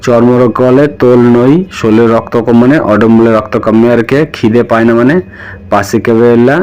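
A man's voice: medium pitch, little pitch movement, normal speed, a little mellow, clean tone. A man with a Bengali accent gives a spoken vocabulary lesson, repeating each word and asking and answering his own questions. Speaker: language teacher.

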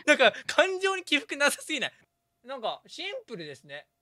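Man, host, animated, teasing, laughs often, very bright, dry close sound. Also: very high voice, brisk, no echo. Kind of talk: hosting a game stream.

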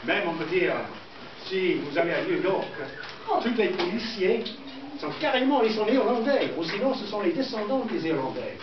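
A middle-aged man from southern England, a native English speaker with an English accent, teaching a school class in simple, halting phrases with repetitions. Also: high voice, very animated. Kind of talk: classroom lesson. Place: indoor school classroom with pupils. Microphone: distant camera microphone. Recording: echoey noisy classroom, muffled, from far off.

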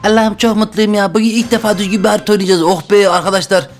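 A man giving excitable gameplay commentary as a YouTuber, often exclaiming and yelling. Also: high voice, fast, soft background music. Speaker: gaming YouTuber.

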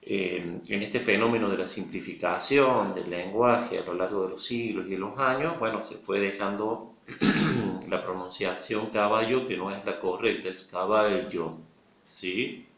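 A man giving a casual video lesson on pronunciation, checking in with "¿sí?" and slowly demonstrating sounds. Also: lowish voice, fairly bright tone, roomy sound. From Latin America. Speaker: language teacher.

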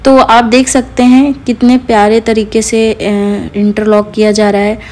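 A woman's voice: fairly high pitch, level tone, unhurried, darkish tone. A woman vlogger narrating a garment factory tour in a chatty voice-over, talking to her viewers. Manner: chatty, addresses viewers as guys. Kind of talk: casual vlog narration. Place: voice-over recorded apart from the noisy factory.

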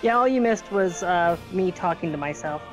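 A woman plays a tabletop game in casual chat. Her voice is on the low side but swings widely, with a playful, exclamatory manner. Faint music sits underneath. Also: expressive, moderate pace, rough recording. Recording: music behind the voice.

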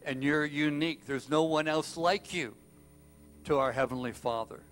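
Man pastor preaching, emotional storytelling, bit high voice. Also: moderate pace, soft background music. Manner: impassioned storytelling, swinging from loud to hushed. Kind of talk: sermon.

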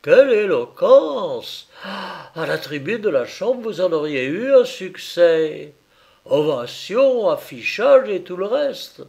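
A man reading an audiobook, voicing a sly, mocking police agent in a raised, gravelly voice. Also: high-pitched, very animated, takes it slowly, a little mellow, pitched above the performer's own voice, full character voice. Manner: ironic, taunting.

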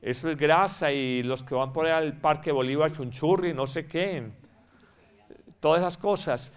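A man's voice: a little high, moderate pace, clear, resonant tone. A man, a priest, giving an emphatic spiritual retreat talk, repeating phrases and acting out quoted voices.

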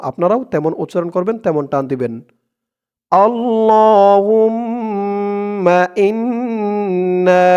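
A man with a Bangladeshi Bengali accent giving a recitation lesson, explaining briskly and then chanting each phrase slowly. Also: on the high side, a little mellow. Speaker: religious teacher.

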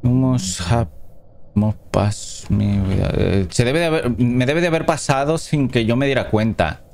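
Slow-talking man playing a horror game. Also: mid-range voice, creaky, a little mellow, a little hiss or hum. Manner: reads game dialogue aloud between casual reactions. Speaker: gameplay commentator. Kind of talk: let's play commentary.

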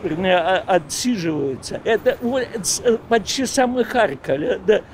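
An older man speaks to a reporter on the street in a high voice. He hesitates, stumbles and fills gaps with sounds as he talks. Heavy traffic noise is all around. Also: expressive, moderate pace. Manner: hesitant, many fillers. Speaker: passer-by. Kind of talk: street interview. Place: city sidewalk outdoors. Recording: loud street noise outdoors.

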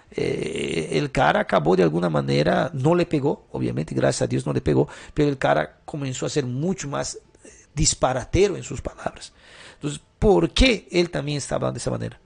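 A man's voice: a little high, gravelly, darkish tone, husky. A middle-aged male pastor giving question-and-answer sermon advice, asking rhetorical questions and tagging his sentences with short checks. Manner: constant tag questions, rhetorical.

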